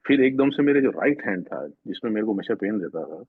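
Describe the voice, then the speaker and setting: Husky man telling an earnest story over a tinny line. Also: fairly low pitch, expressive, a little fast, no echo. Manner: earnest, rambling storyteller who restarts sentences. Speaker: devotee sharing a personal spiritual experience. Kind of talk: personal testimony at a devotional gathering. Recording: tinny phone-like sound, dry.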